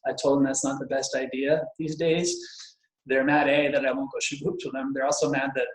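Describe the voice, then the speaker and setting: A man's voice: medium pitch, little pitch movement, brisk. A man giving a casual spoken presentation on professional duties as a bar counsel, chatty and digressive, a speaker who admits he tends to ramble. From Vermont. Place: home garage. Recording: echoey garage.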